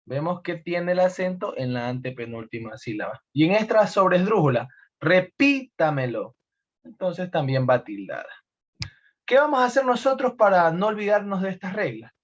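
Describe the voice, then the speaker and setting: A man's voice: sits high, animated, moderate pace, lo-fi sound. A male teacher from Ecuador giving a recorded lesson, explaining step by step and repeating key points with emphasis.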